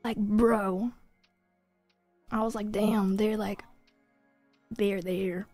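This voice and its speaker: A woman's voice: medium pitch, steady tone, drawn-out words, dark tone, dry recording, faint music behind. A woman streamer chatting casually with her audience, giggling often and swearing freely.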